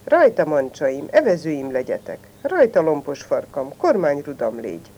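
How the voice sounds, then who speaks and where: A sly storybook fox, voiced by a woman, stubborn and sure of himself even when lost. The voice is mellow yet swings widely in pitch. Faint hiss underneath. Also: muffled recording. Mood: rallying. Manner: cocky and self-assured.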